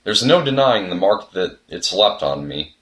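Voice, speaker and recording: A man's voice: deep voice, big pitch swings, a little slow, fairly bright tone. Earnest young man narrating a video essay. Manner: earnest, reflective, with sudden comic outbursts. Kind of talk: scripted commentary narration.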